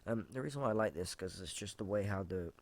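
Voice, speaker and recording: Man, fairly low voice, casual solo podcast, rambling, lots of fillers, swears, reads his own rap lyrics. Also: animated, quick pace. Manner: rambling and informal, with frequent fillers and restarts. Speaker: podcast host.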